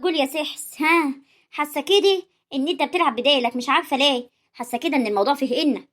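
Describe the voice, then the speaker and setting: A woman's voice: high voice, racing, a bit bright. A woman with an Egyptian accent playing a proud, suspicious young village woman who talks sharply and confronts her fiancé. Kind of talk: amateur village drama acting.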